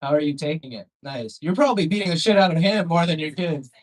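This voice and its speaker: On a comedy club stage, a Canadian comedian with a somewhat higher-than-usual male voice talks fast and animatedly. His stand-up is rambling and conversational, sardonic and profane, with crowd work as he questions the audience. The audio is poor.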